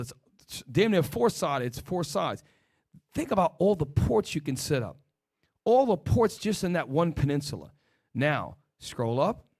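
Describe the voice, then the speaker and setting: Emphatic New man lecturing. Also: fairly high pitch. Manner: emphatic, gives short commands to an assistant. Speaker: religious teacher leading a discussion. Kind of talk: lecture with rhetorical questions.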